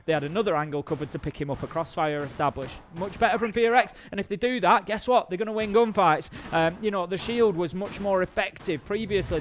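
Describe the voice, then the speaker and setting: High-voiced Northern English esports caster. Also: male voice, slight background noise. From England. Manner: analytical, breaks down tactics in detail. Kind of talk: live esports commentary.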